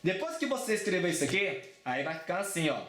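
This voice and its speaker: A Brazilian man with a fairly high voice gives a relaxed, slangy math lesson for exam prep. He keeps checking in with his students as he goes. The room around him sounds echoey. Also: fast. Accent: Brazilian Portuguese. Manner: chatty and informal, with frequent check-ins and slang. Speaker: math teacher.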